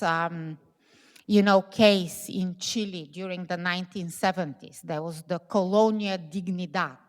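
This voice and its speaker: Woman musing in a reverberant lecture hall. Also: medium pitch. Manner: thoughtful, hedging with many fillers. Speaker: lecture speaker. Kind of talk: academic panel discussion.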